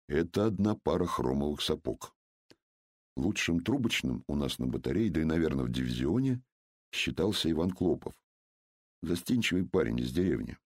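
A man reading a first-person memoir in a calm, measured storytelling voice. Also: very deep voice, husky, no room sound, studio quality. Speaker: narrator.

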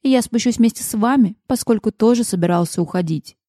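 A woman's voice: a little high, a little fast, warm tone, no echo, voice pushed up, lightly acted. A woman voicing a self-assured male boss with a mocking, dry and commanding manner, as an audiobook character.

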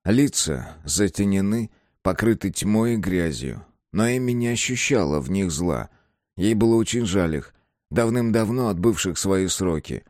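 A man narrating a horror audiobook, low-pitched and measured. His pitch rises and falls expressively, and the sound is dry and close. He reads slowly and somberly. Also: expressive, a little mellow, no room sound. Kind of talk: audiobook reading.

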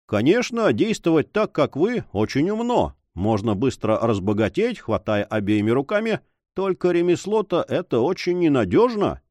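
A man's voice: on the high side, huge pitch swings, a little mellow, no echo, pitched above the performer's own voice. A man doing a sly, taunting sailor. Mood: mocking. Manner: sly, taunting, slow and emphatic. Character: mocking, cool-headed sailor blackmailing an officer. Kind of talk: audiobook character voice.

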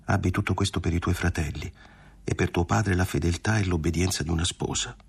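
Man voicing a dying mother, resigned, quiet, husky deep voice, audiobook. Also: fairly quick, heavily acted. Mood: solemn.

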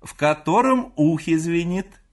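A man voicing a fussy middle-aged mother in an audiobook reading, calling out in a shrill voice. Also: lively intonation, unhurried.

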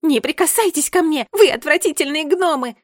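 A woman's voice: fairly high pitch, big pitch swings, moderate pace, husky, no echo, clean studio sound. A woman reading aloud and voicing a furious, vengeful girl who shrieks and hisses. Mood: spiteful. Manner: shrieking, spitting rage.

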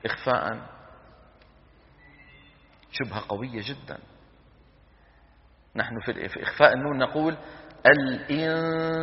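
Questioning teacher in a reverberant hall. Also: male voice, medium pitch. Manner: asks students quick questions and answers them himself, demonstrating sounds aloud. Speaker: Quran recitation teacher. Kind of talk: classroom lecture with questions to students. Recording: dull lecture hall recording with long reverb.

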